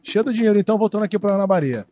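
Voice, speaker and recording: A man's voice: high-pitched, lively intonation, rapid-fire, mellow, highs cut off, faint music behind. A man co-hosting a casual chat show, talking in an emphatic, indignant, slangy way.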